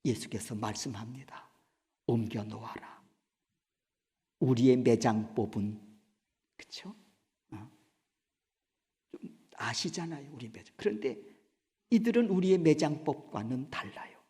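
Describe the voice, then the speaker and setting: A man preaching a Sunday sermon as pastor in a church sanctuary. He swings between loud cries and hushed whispers and asks the congregation questions. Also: mid-range voice, animated, unhurried, pauses often. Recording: reverberant church hall.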